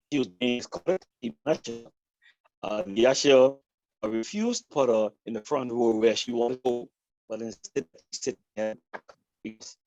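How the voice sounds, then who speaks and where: A man's voice: mid-range voice, a little mellow, no echo. A man welcoming guests to a club meeting over a video call, repeating his phrases and drawing them out. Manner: repetitive, drawn-out phrases. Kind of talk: warm welcome speech with a told joke. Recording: dull, muffled call audio.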